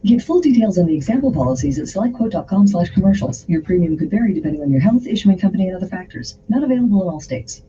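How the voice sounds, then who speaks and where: A woman's voice: animated, fast, few pauses. A woman reading scripted commercial narration as an announcer. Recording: dull audio with faint rumble.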